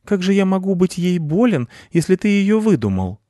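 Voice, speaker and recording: A man's voice: high-pitched, sing-song, moderate pace, warm tone, dry recording, studio quality, voice pushed up. A man voicing a stubborn young boy who whines and protests in a storybook reading. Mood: protesting. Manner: whiny and protesting. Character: young boy hooked on his phone, stubborn.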